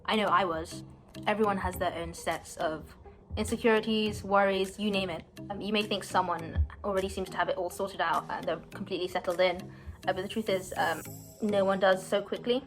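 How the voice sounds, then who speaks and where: A university student from London in her 20s reads a personal story to camera, earnest and with a few hesitant fillers. Her mid-range voice is fairly even in intonation and a little fast, with soft music in the background.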